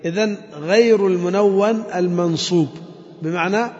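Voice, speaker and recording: A man teaching a classroom lesson on Quran recitation, drilling examples slowly, chanting phrases and quizzing his students. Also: high voice, a little mellow. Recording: long reverb, dull lo-fi sound.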